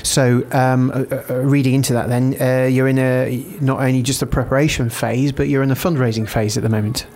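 A man's voice: mid-range voice, flat delivery, fairly quick, few pauses, darkish tone. A man hosting a radio show in a studio, chatting casually and interviewing a guest, hesitant with many fillers and restarts.

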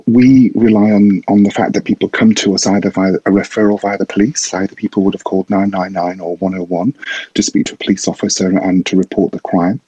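A man's voice: fairly low pitch, mellow, slightly rough, dry recording, rough recording. A man answering interview questions as a guest who works in crisis support.

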